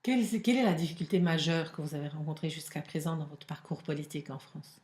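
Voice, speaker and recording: A woman interviewer asking brisk, direct questions. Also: low-pitched, lively intonation, darkish tone, reverberant.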